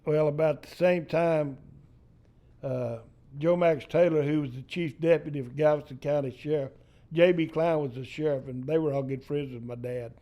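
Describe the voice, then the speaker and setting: An older Texan man tells a rough, cussing family yarn in an easygoing storyteller's way. His voice sits a little high but sounds dark and mellow. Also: steady tone, moderate pace. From East Texas. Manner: salty, profane yarn-spinning. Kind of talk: casual storytelling.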